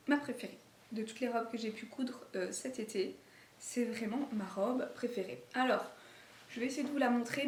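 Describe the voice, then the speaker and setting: Woman, sewing vlogger, slight accent, fairly high voice, chatty with fillers, echoey room, faint hiss. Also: darkish tone. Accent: non-native French accent. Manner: chatty, many fillers and restarts. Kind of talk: casual chat showing garments. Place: indoor room at home, filming late in the day.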